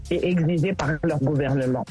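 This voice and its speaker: A woman's voice: low-pitched, fairly quick, loud music behind the voice. A woman being interviewed, explaining at length in an earnest way with fillers. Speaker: guest. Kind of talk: casual interview.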